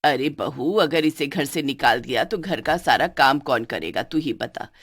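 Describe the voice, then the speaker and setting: Low-voiced domineering mother-in-law for a cartoon, done by a woman. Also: lively intonation, unhurried, heavily acted. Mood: scolding. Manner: commanding, scolding. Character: older mother-in-law, bossy, favors new bride. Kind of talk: cartoon voice acting.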